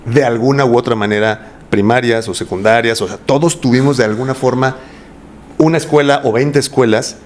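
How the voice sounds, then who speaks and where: A man with a Mexican Spanish accent and a medium-pitched voice speaks a little fast, with a little hiss or hum in the recording. He's a voice coach appearing as a guest in a casual interview, talking at length and often asking rhetorical questions.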